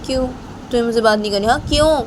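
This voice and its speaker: A high, whiny young woman defending herself to her partner, as a woman storyteller puts her on, swinging between pleading and sweet-talking and always coming back to "kya hai?". The home recording carries an air-conditioner hum and room noise behind it. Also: fast talker, natural voice, low-quality recording.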